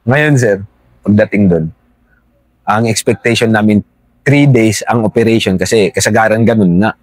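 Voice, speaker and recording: In a fairly low voice at normal speed, with no echo, a middle-aged man who fought as a rebel talks through his experiences in an interview. He's conversational and respectful, repeatedly saying sir to the host.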